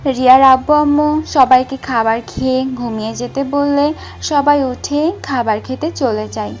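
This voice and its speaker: Woman narrator reading a romance story, high voice, bit of music underneath. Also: measured pace, highs cut off.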